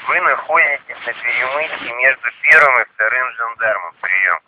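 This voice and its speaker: A man's voice: mid-range voice, moderate pace, muffled recording. A man coordinating over a crackly walkie-talkie, methodically checking and confirming in procedural radio phrases. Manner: methodical, questioning, confirms positions. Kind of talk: two-way radio exchange, procedural call-outs. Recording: crackly radio with noise and clicks.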